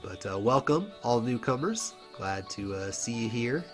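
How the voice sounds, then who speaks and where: An esports commentator does casual solo play-by-play for a fighting game tournament, his mid-range voice expressive and his pace measured. He's stuffed up from a cold, chatty, and full of fillers and little laughs, with game music behind him.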